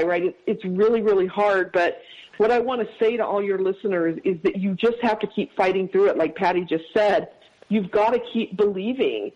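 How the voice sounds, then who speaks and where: A man as a podcast guest, telling a personal story in a heartfelt, halting way with many restarts. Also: high voice, darkish tone. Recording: dull lo-fi sound.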